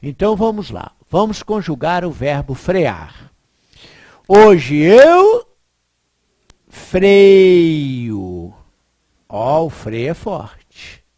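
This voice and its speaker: Woman grammar teacher, slow and emphatic, very expressive pitch, casual and chatty. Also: no echo. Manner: chatty and emphatic, tags points with "né?", chuckles often. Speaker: Portuguese teacher. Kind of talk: informal grammar lesson.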